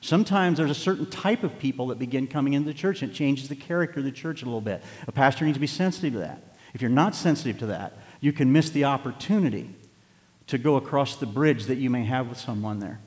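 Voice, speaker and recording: A man's voice: mid-range voice, animated, fast, darkish tone, big-room sound. A pastor in his late fifties preaching a sermon, moving from conversational reflection to emphatic, rising exhortation. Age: 50s. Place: church sanctuary.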